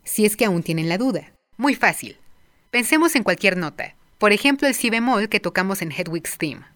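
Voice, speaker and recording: A woman's voice: mid-range voice, expressive, moderate pace, a bit bright. Woman explaining film music theory. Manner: explanatory, addresses viewers directly, counts beats aloud. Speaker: music appreciation presenter. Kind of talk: scripted educational narration.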